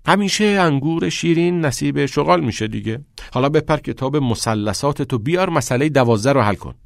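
A man voicing a matter-of-fact, studious schoolboy who talks briskly. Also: mid-range voice, animated, no echo, studio quality, voice pushed up, natural voice.

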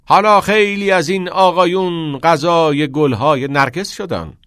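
A man's voice: a little high, fairly bright tone, clear, resonant tone, no room sound, clean studio sound, voice pushed up, natural voice. A man voicing a passionate middle-aged male teacher who urges and exclaims like a preacher. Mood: urging, loud.

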